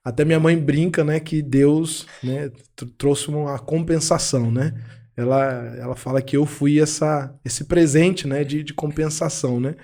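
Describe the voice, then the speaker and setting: A man in his thirties with a slightly high, warm voice and a Brazilian accent tells his personal story casually. He's a pastor appearing as a podcast guest, and he was born in Argentina to Brazilian parents.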